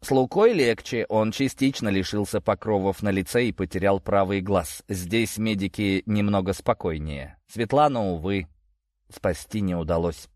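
A man's voice: lowish voice, moderate pace, a little mellow, dry recording, clean studio sound, natural voice. A man reading an audiobook, voicing a tired, matter-of-fact young man reporting grim news. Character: weary young man, battle-hardened brother.

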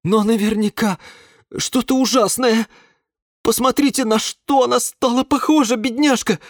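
A man's voice: very high-pitched, steady tone, normal speed, no echo, clean studio sound, pitched above the performer's own voice. A man voicing a panicky young man who keeps houseplants, in a children's storybook, wailing frantically. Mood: anxious. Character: panicky young male plant-keeper, easily frightened. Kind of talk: storybook reading.

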